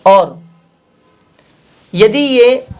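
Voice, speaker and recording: Slow, patient male language teacher. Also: very high-pitched, lively intonation, darkish tone, clear, resonant tone. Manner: slow, patient, repeats each phrase and word several times; addresses listeners directly, asks and answers his own questions. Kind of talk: classroom language lesson.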